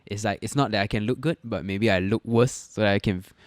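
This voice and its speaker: Casting: young man, smooth clear voice, dry close-mic podcast sound, laid-back joker. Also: fairly low pitch, quick pace, dry recording. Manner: relaxed, joking, drops to a mumble at line ends. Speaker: podcast co-host. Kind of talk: casual podcast chat. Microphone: studio podcast mic.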